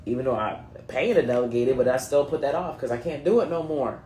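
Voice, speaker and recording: Speaking fast in a very deep, warm voice, this card reader, a woman of nearly forty, chats casually and slangily while addressing her viewers directly. Her accent mixes US East Coast influences from New England, Philadelphia, North Carolina and Delaware. The room is echoey, and there's a little hiss or hum.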